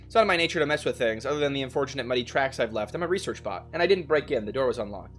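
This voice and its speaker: A man voicing a too-smooth, polite android. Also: medium pitch, rapid-fire, soft background music, natural voice. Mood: composed. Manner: courteous, calm, precise. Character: polite, overly smooth research robot. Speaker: game character. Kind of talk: video game voice acting.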